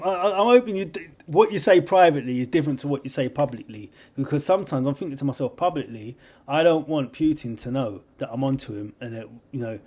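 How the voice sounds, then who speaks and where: A young man, hosting a podcast in a rambling, excitable monologue full of slang and laughter. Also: medium pitch. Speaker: podcast host. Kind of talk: casual monologue.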